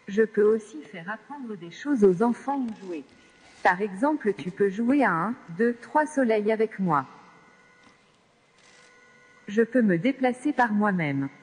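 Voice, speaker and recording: A friendly companion robot speaks in a synthetic text-to-speech voice, polite and chirpy, as a small device plays it out. The tone is airy and a little breathy. It rings out with the long reverb of a big event hall. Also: medium pitch, a little mellow. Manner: polite, chirpy scripted replies. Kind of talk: live on-stage robot demo. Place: event stage in a large hall.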